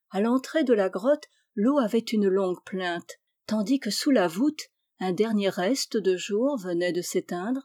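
Woman calmly reading a classic story. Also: medium pitch, no echo, clean studio sound. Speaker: reader. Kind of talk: scripted narration of a classic story.

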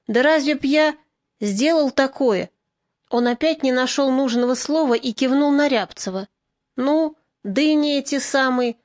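A woman reading an audiobook, voicing a young male partisan orderly who pleads with rough folk speech. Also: high voice, a little slow, a little mellow. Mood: pleading.

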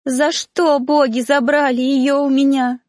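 A woman voicing a desperate mother overcome by grief, wailing and shouting. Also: sits high, level tone, a little slow, no echo, clean studio sound, voice pushed up. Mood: anguished.

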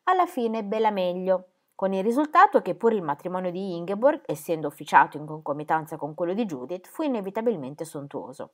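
Reading a novel for an audiobook, this woman keeps a measured yet expressive delivery in a lowish voice.

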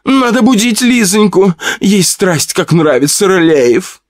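A man voicing a fussy, flirtatious middle-aged noblewoman in a horror audiobook, with a playful, excitable manner. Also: high voice, unhurried, no room sound, voice pushed up.

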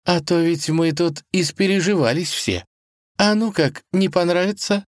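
A man's voice: high-pitched, sing-song, measured pace, no echo, studio quality, pitched above the performer's own voice. A man voicing a fussy, kindly older female palace cook who laments in a singsong way. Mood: fussing.

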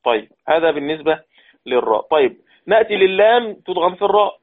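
Male Quran teacher, fairly high voice; quick explanations broken by slow recited examples, heard over a thin phone-like line. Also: very animated. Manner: explains rules quickly, then recites verses slowly and repeats them. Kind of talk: tajweed lesson with recited examples. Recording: tinny phone-like audio.

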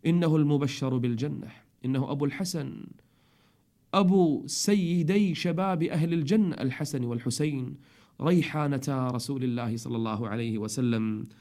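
A man's voice: medium pitch, fairly quick, mellow. A middle-aged man giving a religious storytelling sermon, preaching with an emotional delivery that rises and falls. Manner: emotional, rising and falling delivery.

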